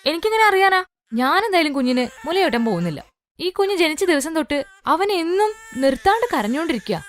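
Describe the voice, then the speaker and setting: A woman's voice: very high-pitched, very animated, fairly quick, voice pushed up. A woman voicing a vain, irritable rich young mother in a cartoon story, speaking sharply and bossily. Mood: irritated.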